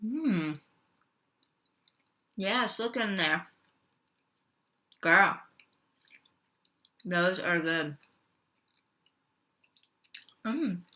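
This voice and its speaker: Bright chatty woman eating on camera. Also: lowish voice, extremely slow, pauses often. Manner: chatty, talks between bites with mouth full. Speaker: vlogger. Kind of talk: casual mukbang eating chat. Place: at home.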